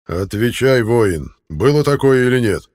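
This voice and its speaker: A man voicing a male fairy ruler who speaks in a measured, commanding way. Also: medium pitch, lively intonation, a little mellow, pitched above the performer's own voice, natural voice.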